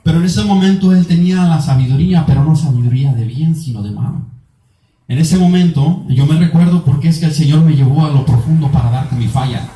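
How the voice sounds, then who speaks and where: Male evangelist, higher voice with a dark, mellow tone, earnest testimony, recorded echoey from a distance. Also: fairly quick. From Mexico. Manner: earnest, emotional storytelling with repetition. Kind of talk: personal testimony sermon. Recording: echoey room, voice from far off.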